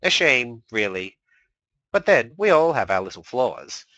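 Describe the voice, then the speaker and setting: A man's voice: mid-range voice, sing-song, unhurried, sharp tone, dry recording, poor audio. A man voicing a smug male chaos spirit with a sly, mock-polite drawl.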